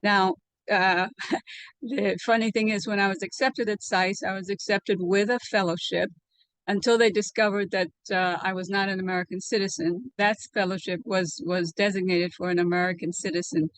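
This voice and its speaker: An older woman from Liberia, recounting her past in an oral history interview over a video call, speaking in a measured way with many fillers. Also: mid-range voice, fairly even intonation, no room sound. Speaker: interviewee, alumna. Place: home room, indoors. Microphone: video call webcam.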